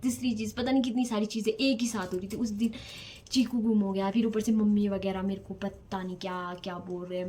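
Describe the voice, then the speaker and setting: Telling a personal story on her vlog, a young woman with a medium-pitched voice rambles casually, repeats words, and swings from quiet to loud. There's slight background noise.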